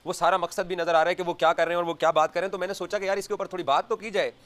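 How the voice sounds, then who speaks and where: A man's voice: sits high, fairly even intonation, a bit bright. A man from Pakistan, delivering an indignant opinion monologue on cricket. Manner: indignant, rapid-fire questions. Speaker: cricket commentator.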